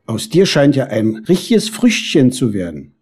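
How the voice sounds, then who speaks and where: A man voicing a strict but soft-hearted mother beetle who scolds her son, in a storybook reading. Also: medium pitch, wildly swooping pitch, a little slow, husky, full character voice. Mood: scolding.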